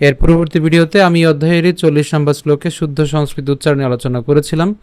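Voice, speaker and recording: A man, teaching how to pronounce a Sanskrit verse, breaking words into syllables and chanting them slowly. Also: on the high side, steady tone, a little mellow, clean tone, dry recording. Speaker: Gita teacher.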